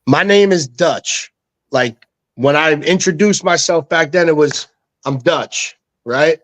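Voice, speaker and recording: A young man with a somewhat high voice speaks slowly. He's a guest on the show, an NFT co-founder, spinning loose, slangy stories in a casual way and quoting other people in their voices as he goes.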